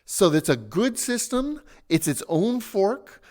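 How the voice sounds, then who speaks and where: A man hosting a tutorial, patiently walking through software setup step by step. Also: sits high, sing-song, slow pace. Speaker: tutorial host.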